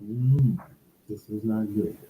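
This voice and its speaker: A man talks over a video call, his voice muffled and dark as if he is speaking from inside a barrel. He chats casually and jokes around. The tone is heavy and dull, with no brightness at all. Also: lowish voice, slow pace. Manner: joking, laughing at his own remarks. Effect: muffled, as if talking inside a barrel. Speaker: discussion participant.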